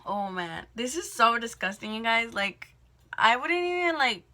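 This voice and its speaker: A woman's voice: a little high, sing-song, unhurried, sharp tone. A young woman in a casual storytime vlog, rambling through a work story with lots of fillers and swearing, recorded indoors on a camera mic while doing her makeup. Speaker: vlogger telling a work story.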